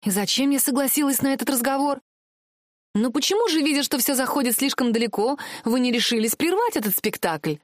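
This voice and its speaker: Brief: woman reader as a proud heiress, prickly and sarcastic, set a bit higher, dry sound. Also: lively intonation, brisk, no echo. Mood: indignant. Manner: sarcastic, indignant. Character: proud, fiery young royal heiress. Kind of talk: audiobook character voice.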